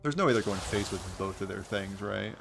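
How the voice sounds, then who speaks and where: A man's voice: fairly low pitch, a little fast, gravelly, music in the background. A man giving casual gameplay commentary as host, with a dry, wry, understated way of talking. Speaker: gaming video host.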